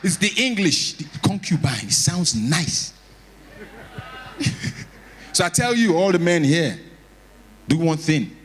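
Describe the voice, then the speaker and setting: Animated Nigerian man doing stand-up. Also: fairly high pitch. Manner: animated, acting out bits with dramatic pauses and repeats. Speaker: stand-up comedian. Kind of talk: stand-up comedy storytelling to an audience. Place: live comedy stage before an audience.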